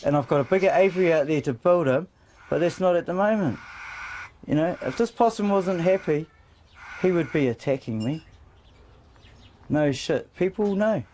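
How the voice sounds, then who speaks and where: A man's voice: on the high side, animated, moderate pace, long pauses, warm tone. A man with a New Zealand accent chatting in a casual, rambling, emphatic way. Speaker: interviewee showing his home and pets. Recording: noisy amateur on-location video recording.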